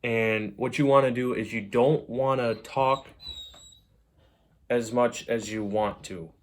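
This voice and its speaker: A man's voice: medium pitch, fairly even intonation, slow pace. A man talking casually and unscripted to camera, giving advice from his own experience in a rambling, conversational way. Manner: rambling, conversational, repeats "you know". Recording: clearly noisy background with clicks.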